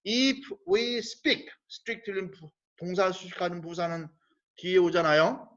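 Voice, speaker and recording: A man teaching a high school English grammar lesson, explaining step by step, asking rhetorical questions and slowly spelling out English phrases. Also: fairly bright tone, dull audio. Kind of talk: recorded grammar lecture.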